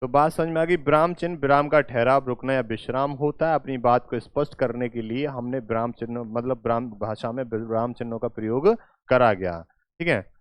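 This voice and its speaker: A male teacher giving a lecture who repeats phrases slowly and keeps checking that students follow. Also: medium pitch, dry recording. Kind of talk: classroom lecture with examples. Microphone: recording while writing on a board.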